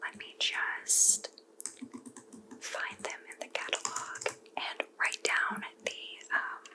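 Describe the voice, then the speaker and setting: A woman doing a whispered role-play as a helpful librarian, speaking in a soft, gentle library whisper with halting phrasing. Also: low-quality recording. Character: helpful goth librarian recommending books. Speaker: librarian in a point-of-view roleplay.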